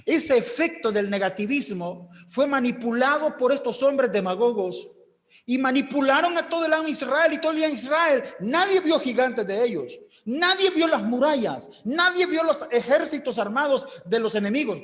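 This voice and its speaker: Male preacher, emphatic sermon delivery, fairly high voice, long hall reverb. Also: expressive, moderate pace, a bit bright. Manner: emphatic, acts out quoted voices.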